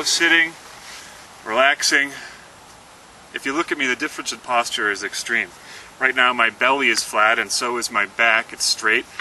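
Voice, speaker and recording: A man, the inventor, presenting and demonstrating his product in an earnest pitch, talking through each movement. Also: pushed and bright. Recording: slightly distant mic, faint outdoor noise.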